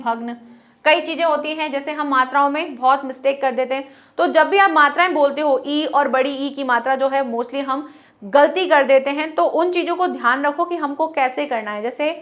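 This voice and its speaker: Explaining Hindi grammar, a young female teacher asks questions and supplies the answers herself. Her voice is high and fairly bright, and she repeats words slowly to show how they should sound.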